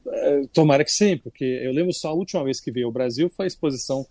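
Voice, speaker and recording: A man's voice: mid-range voice, quick pace, no echo. An older Brazilian man, a culture critic, talking casually on a radio segment with frequent restarts. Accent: Brazilian Portuguese. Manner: relaxed, chatty with frequent restarts.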